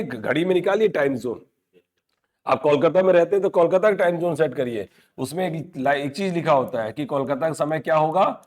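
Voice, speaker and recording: Man teaching an exam-prep lesson in a slightly high voice. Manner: asks questions and answers them himself, repeats key points. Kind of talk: exam-prep classroom lecture.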